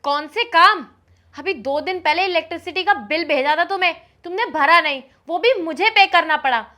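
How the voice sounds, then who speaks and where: An actress playing a quick-tempered young woman arguing with her live-in partner, sharp and scolding. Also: very high voice. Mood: angry. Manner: sharp, scolding, turns to pleading. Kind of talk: scripted short-film acting.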